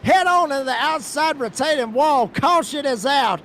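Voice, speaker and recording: High-pitched folksy male race announcer. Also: lively intonation, moderate pace, a bit bright, a little hiss or hum. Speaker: lead race commentator. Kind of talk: play-by-play motorsport commentary.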